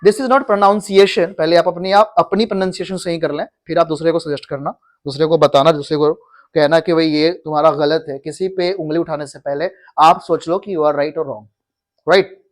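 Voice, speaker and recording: Tutor, quizzing style, repeats words, classroom lesson. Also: male voice, a little high, steady tone, normal speed. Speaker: English teacher.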